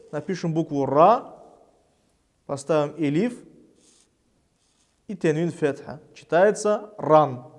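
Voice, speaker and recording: A man teaching Arabic reading who speaks slowly and deliberately and says each word twice. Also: a little high, darkish tone, big-room sound. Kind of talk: recorded reading lesson.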